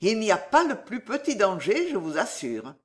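A woman reading aloud, voicing a kindly, portly old gentleman who is fussy and exclamatory. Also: mid-range voice, sing-song, normal speed, natural voice. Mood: flustered.

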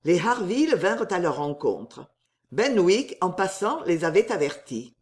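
A woman narrating a classic novel aloud in an expressive, dramatic storytelling manner. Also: on the low side, a little slow. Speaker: audiobook narrator.

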